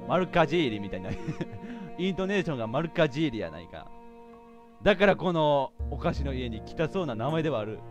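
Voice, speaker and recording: Young guy w doing a lets play, jokey, talks to himself, bouncy voice, mid pitch. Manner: chatty, jokey, reacts out loud to himself. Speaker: game streamer. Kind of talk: casual game commentary.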